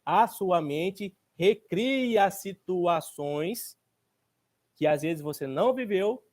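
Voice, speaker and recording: A man gives a motivational workshop talk, his voice pitched notably high for a man. He speaks in a colloquial, emphatic way, posing rhetorical questions and answering them himself. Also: lively intonation, slow pace, a little mellow. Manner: casual colloquial phrasing, repeats points for stress. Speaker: therapist and speaker.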